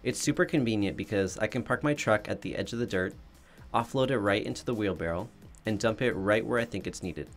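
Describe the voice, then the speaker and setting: This man's low-leaning voice moves a little fast as he walks through his backyard renovation. He's a DIY home renovation vlogger, and his matter-of-fact narration is a voice-over made away from the yard on screen. Gentle music runs in the background.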